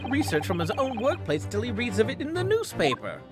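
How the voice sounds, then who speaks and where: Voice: mid-range voice, huge pitch swings, fairly quick. A game player voicing a pompous, mocking prosecutor who blusters insults in a courtroom video game. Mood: scornful. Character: sneering, pompous, excitable prosecutor heckling in court. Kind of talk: video game dialogue read aloud in character. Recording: game music behind the voice.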